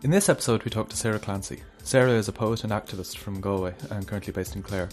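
Brisk man introducing a podcast. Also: fairly low pitch, soft background music. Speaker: podcast host.

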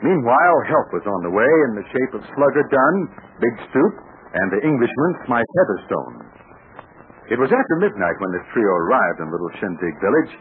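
A man announcing and narrating an adventure serial in an emphatic, animated 1940s radio style, recorded on an old radio transcription. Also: brisk, narrow, tinny audio, a little hiss or hum. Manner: emphatic, animated sales pitch to children.

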